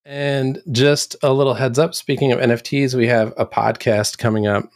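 A man presenting on a community show in a casual, halting way, often restarting and clearing his throat. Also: medium pitch, flat delivery, no echo, clean studio sound. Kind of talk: casual chat.

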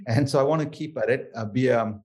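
A man's voice: medium pitch, fairly quick, darkish tone. Male interview guest, thick South Indian accent, native Tamil speaker, mid-range voice, conversational delivery. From Chennai area, Tamil Nadu, southern India. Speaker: interview guest, Toastmasters member.

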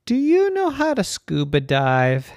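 A man voicing an eager, adventurous young male unicorn who pleads excitedly in a storybook tale. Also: high-pitched, a little slow, no echo, clean studio sound, voice pushed up, exaggerated voice.

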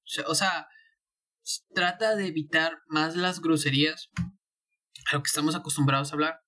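A young man with a Tabasco accent spins a funny story in a casual chat. His voice is bright and sharp. He talks in animated, slangy bursts. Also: fairly high pitch, normal speed. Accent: Tabasco Spanish. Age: young adult.

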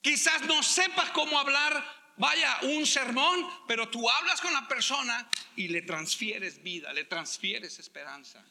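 A male pastor preaching a sermon, stressing words slowly and acting out quotes. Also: very high-pitched, lively intonation, vocal fry, sharp tone, long reverb tail. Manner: preaching with slow emphatic stresses and acted-out quotes.

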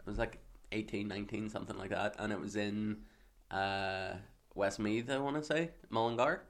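A man's voice: lowish voice, moderate pace. A young Northern Irish man co-hosting a podcast, chatting casually, rambling with lots of fillers and laughs. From Northern Ireland. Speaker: podcast co-host. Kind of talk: casual chat.

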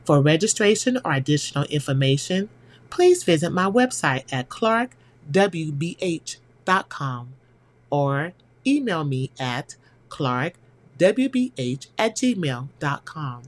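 A woman's voice: low voice, sing-song, slow. A woman hosting a podcast, delivering a scripted inspirational monologue in an earnest, emphatic way, speaking directly to the listener. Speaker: podcast host and counselor.

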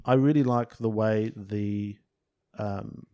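A man's voice: on the low side, steady tone, slow, dark tone, lo-fi sound. A man co-hosting a film review podcast in casual chat, making puns and often trailing off mid-sentence. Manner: jokey, makes puns, trails off and restarts. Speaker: podcast co-host.

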